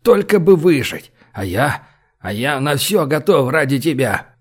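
A man reading a gruff domineering male boss. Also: mid-range voice, sing-song, measured pace. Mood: coaxing. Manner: gruff commands, then soft coaxing. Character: domineering middle-aged male leader, brutal yet doting.

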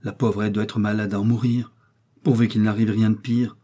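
A man's voice: fairly low pitch, level tone, normal speed, mellow, breathy edge. A man voicing a stout, fretful middle-aged pharmacist who fumes and blusters as he reads a storybook. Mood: fuming. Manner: blustering and fuming.

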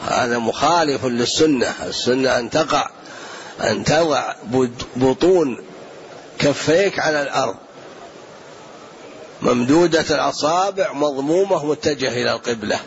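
A man answering questions in a religious lesson, explaining in a measured way and repeating points for emphasis. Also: medium pitch. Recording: dull lo-fi lecture recording.

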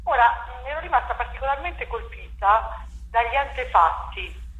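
A female playwright-director reflects on her theatre work during an interview, her slightly high, somewhat bright voice lively in intonation at a moderate pace. She keeps restarting and using fillers as she thinks aloud, in an echoey room with a little noise.

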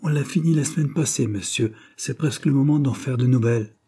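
A man doing a deferential household maid who answers politely and does her duty. The voice is soft, warm and slightly husky. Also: medium pitch, a little fast, pitched above the performer's own voice, close to an everyday voice. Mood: dutiful. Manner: polite, dutiful. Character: deferential female house servant.

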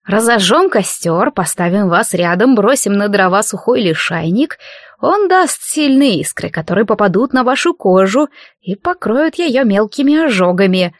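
A woman voicing a stern, scheming peasant mother who talks in a sharp, commanding way. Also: medium pitch, sing-song, normal speed, no echo, clean studio sound, natural voice. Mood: decisive.

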